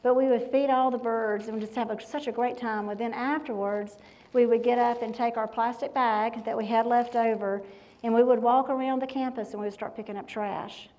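A woman in her fifties gives a devotional talk in a fairly high voice. She chats easily, spinning homey stories and asking the crowd questions as she goes. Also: steady tone, moderate pace, a little mellow, low-quality recording. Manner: folksy, chatty storytelling addressing the audience directly. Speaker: guest speaker.

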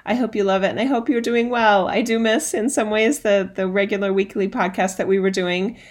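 A woman with a creaky voice hosting informal spiritual talk and guided meditation, gently instructing and soothing, with small asides to her listeners. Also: mid-range voice, fairly even intonation, a little fast. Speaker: spiritual guide and podcast host.

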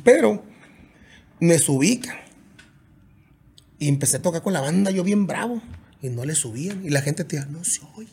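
Brief: male band singer, rough gravelly voice, animated and salty. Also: fairly high pitch, moderate pace, pauses often. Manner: animated, swears freely, imitates drum hits with his voice. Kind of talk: casual interview storytelling.

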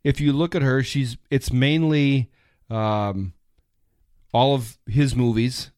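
A man's voice: mid-range voice, fairly even intonation, slow pace, a little mellow, clean tone, no echo, studio quality. A man in his fifties, a podcast host, chatting casually and enthusiastically about movies in a rambling way. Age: 50s.

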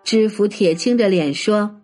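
A woman telling a traditional folk tale as a children's storyteller, in an expressive, lively way. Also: medium pitch, a little slow, faint music behind. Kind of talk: storybook narration.

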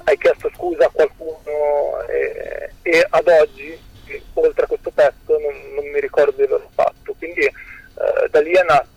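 A young man, a musician guest, answering interview questions over the phone, hesitant and full of drawn-out fillers. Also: on the high side, animated, vocal fry, husky, poor audio.

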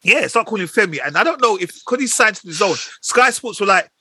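Animated, high-pitched London man, slangy and argumentative. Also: quick pace, slightly rough, dry recording, clean studio sound. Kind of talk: heated casual banter about boxing.

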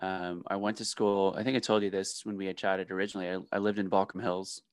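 A man's voice: low-pitched, level tone, fast, clear, resonant tone, no echo. A man, a business owner, telling his story candidly in an interview, with joking asides. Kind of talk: casual interview.

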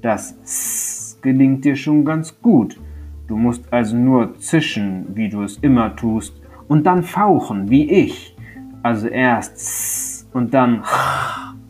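A helpful, patient young forest creature played by a man, explaining things kindly and unhurriedly. His voice stays close to the reader's own, with only a slight lift. Soft guitar music sits far in the background. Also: medium pitch, animated, slow.

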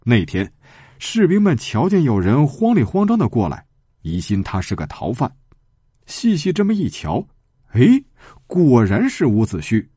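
Animated, mellow-voiced male storyteller. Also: normal speed, husky, no room sound. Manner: animated, sweeping pitch. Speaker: children's storyteller. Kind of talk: storytelling podcast narration.

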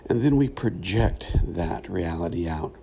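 Low, gravelly middle-aged man, thoughtful and unhurried. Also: animated, mellow, slight background noise. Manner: thoughtful, halting, pausing often. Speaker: podcast host, former pastor. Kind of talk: reflective solo podcast monologue.

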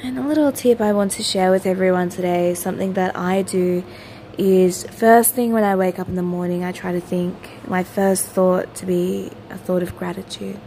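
A woman leading a guided meditation as its teacher, in a gentle, soothing, lulling manner with repeated soft instructions. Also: lowish voice, fairly even intonation, moderate pace, slight background noise.

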